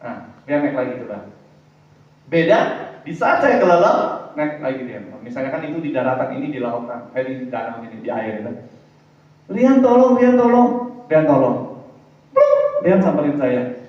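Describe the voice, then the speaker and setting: A man preaching a sermon as pastor, telling an animated story and often calling out to the congregation. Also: mid-range voice, brisk. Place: church hall. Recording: echoey church hall, distant mic, dull sound.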